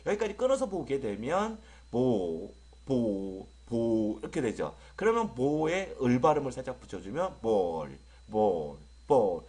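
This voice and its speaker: A man teaching English pronunciation in an online lecture. He speaks, repeats words slowly with drawn-out vowels, and jokes lightly with students he calls friends. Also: mid-range voice, a little mellow.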